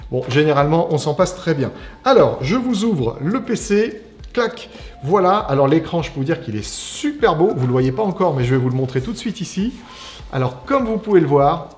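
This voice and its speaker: Brief: male tech presenter, slightly high voice, chatty, explains step by step while unboxing. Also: darkish tone. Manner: chatty, explanatory, frequent "alors" and "on va dire". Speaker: IT company presenter. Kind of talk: casual unboxing product review.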